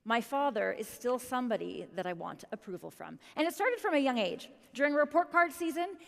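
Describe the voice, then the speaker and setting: Lady keynote speaker, kinda high voice, booming hall echo, lively and talks right to the crowd. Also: creaky. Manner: animated, addresses the audience directly with questions. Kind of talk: motivational keynote speech. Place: conference hall stage. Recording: long reverb of a large hall.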